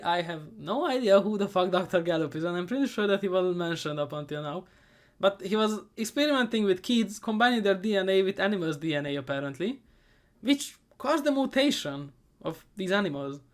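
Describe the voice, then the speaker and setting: A man giving a comedic movie recap, sarcastic and profane, rambling and often trailing off into quieter asides. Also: sits high. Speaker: movie reviewer.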